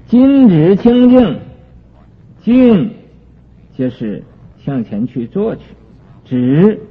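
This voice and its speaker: Man, Buddhist lecturer, slow and husky, thin phone-like old recording. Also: a little high. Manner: explains terms slowly with many drawn-out fillers. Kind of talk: sutra commentary lecture. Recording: tinny lo-fi recording with faint music.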